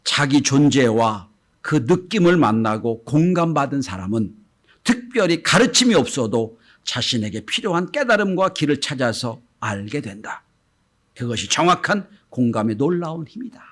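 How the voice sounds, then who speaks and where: A middle-aged man preaching a Sunday sermon as pastor, often dropping into gentle quoted speech and then rising loud again. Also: medium pitch, sing-song, normal speed. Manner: acts out gentle quoted speech, swings between soft and loud.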